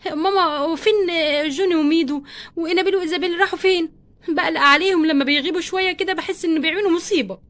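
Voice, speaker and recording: A woman's voice: extremely high pitch, rapid-fire, a bit bright. A woman with an Egyptian accent voicing an anxious young mother who frets over her missing baby in a doll play story. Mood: polite. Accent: Egyptian Arabic. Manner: worried, pleading.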